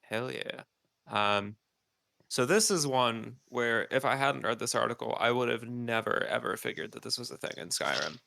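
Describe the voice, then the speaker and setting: A man's voice: medium pitch, moderate pace, creaky, bright, forceful tone, dry recording. A man co-hosting a podcast, explaining at length in casual chat with many ums, his nose stuffy. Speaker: podcast co-host.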